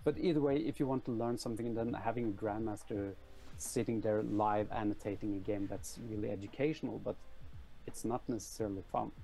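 A middle-aged man from Norway, speaking with a Norwegian accent, chats casually as an interview guest over a video call from a room at home, often hesitating and repeating words. His voice is fairly low and steady, warm, a little fast, with vocal fry. Soft music plays behind him and the audio quality is poor.

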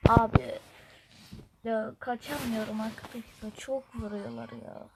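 A woman's voice: a little high, steady tone, moderate pace. A Turkish woman with a blocked nose, chatting casually and muttering to herself as she plays a game. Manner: chatty, mutters and whispers to herself while playing. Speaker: gameplay streamer. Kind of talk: casual gameplay commentary. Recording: noisy home recording.

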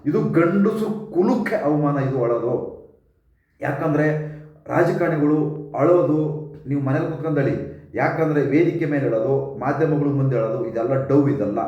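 A man's voice: a little high, fairly quick, a little mellow, reverberant, lo-fi sound. A man with a Kannada accent hosting his own channel, giving an earnest, repetitive opinion talk straight to camera. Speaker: YouTube channel host.

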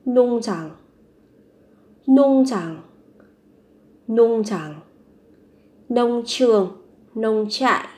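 A woman's voice: fairly high pitch, expressive, drawn-out words, long pauses, darkish tone. A woman teaching a vocabulary lesson, saying each word three times and then explaining it patiently. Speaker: language teacher. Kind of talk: vocabulary lesson, repeating words slowly.

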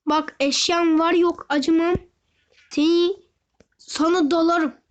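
A young gaming host giving excited gameplay commentary, often shouting and wailing as he talks straight to his viewers. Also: very high-pitched, slow. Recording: dull lo-fi recording.

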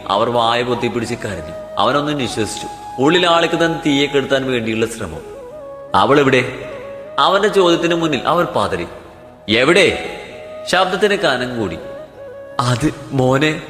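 Male story narrator, mid pitch, dramatic delivery, faint music behind. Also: fairly bright tone. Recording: echoey room with long reverb. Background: faint background music.

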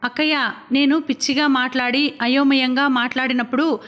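A woman's voice: high-pitched, moderate pace. A woman reading an audiobook, voicing a playful, witty young woman. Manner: lively, teasing.

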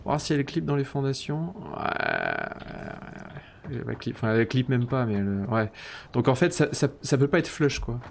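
A man's voice: mid-range voice, huge pitch swings, moderate pace, vocal fry, a little hiss or hum. A man streaming a factory-building game, thinking aloud while he builds, counting under his breath and slipping into mock-grandiose, self-ironic banter. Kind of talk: casual live-stream commentary.

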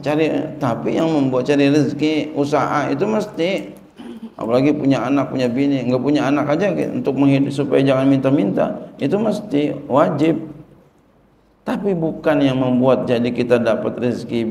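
Middle-aged religious teacher, man, casual repetitive delivery, mellow tone, echoey room. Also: medium pitch, creaky, slight background noise. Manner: repetitive, conversational, acts out quoted people. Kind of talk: colloquial Quran commentary lesson. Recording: roomy echo.

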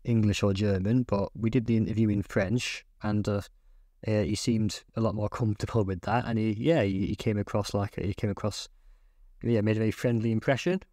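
A man chatting casually as a football journalist guest on a podcast, halting and repeating words as he thinks. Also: fairly low pitch, steady tone, dark tone, dry recording, clean studio sound.

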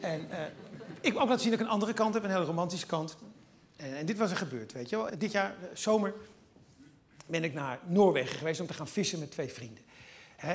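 A middle-aged man telling a stand-up comedy monologue on stage, rambling and animated, with frequent asides to the audience. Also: high voice. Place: theatre stage before an audience.

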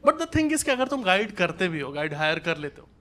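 On a small indoor comedy club stage, a high-pitched, very animated man from Uttar Pradesh, India, delivers colloquial observational stand-up at a moderate pace, acting out dialogue in anecdotes. It's a live recording on a handheld stage mic, with audience laughter and noise behind him.

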